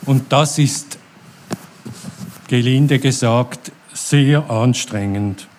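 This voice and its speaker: Brief: middle-aged male church speaker, very slow and calm, mellow warm tone, sermon delivery. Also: medium pitch.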